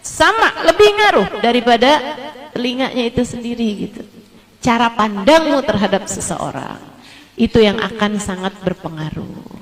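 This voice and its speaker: A middle-aged woman preacher delivers a religious lecture in a lively, playful way. Her voice sits a little high, and she often slips into exaggerated, higher voices to mimic other people. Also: normal speed, in a large hall.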